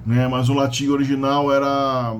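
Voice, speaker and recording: A language teacher with a Brazilian Portuguese accent gives a casual spoken grammar lesson, walking through it step by step and sprinkling in "né?" and "tá?" His mid-range voice shows little pitch movement at a normal speed, with a little hiss or hum in the audio.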